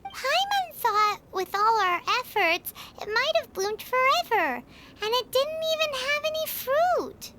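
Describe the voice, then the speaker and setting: A woman's voice: very high-pitched, unhurried, very noisy, full character voice. A woman voicing a tiny childlike fairy companion, cheerful and outspoken, in an anime-style video game. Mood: disappointed. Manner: excitable, speaks of self in third person.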